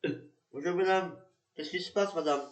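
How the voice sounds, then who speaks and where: In an amateur police patrol reenactment, a man narrates and takes the role of an officer at a moderate pace, his voice a little high. He hesitates, repeats, and leans on many fillers, all in an echoey room.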